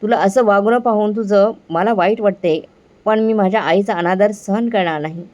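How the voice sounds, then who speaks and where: A woman's voice: mid-range voice, moderate pace, a little mellow, close to an everyday voice. A woman voicing an exasperated young husband who speaks firmly and pleadingly to his wife. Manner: firm, pleading.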